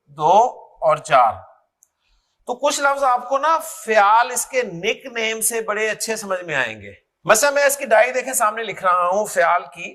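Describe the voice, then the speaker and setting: A man's voice: sits high, sharp tone. A male teacher, drilling Arabic words in a classroom lesson, repeating each word and quizzing students by name.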